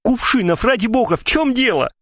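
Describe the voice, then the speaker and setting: A dim, anxious young writer whines and frets, voiced by a man. His voice jumps high in alarm and stays lively. The sound is close and dry. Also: a little fast, dry recording, heavily acted. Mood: panicky. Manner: whiny, panicky protests.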